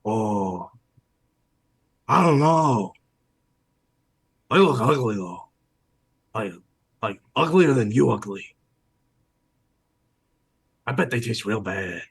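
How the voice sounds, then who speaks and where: A man's voice: lowish voice, lively intonation, slow pace, gravelly, pauses often, husky, full character voice. A man doing a rude, hungry seagull. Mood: crude, hungry. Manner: blunt, greedy, keeps asking to taste people.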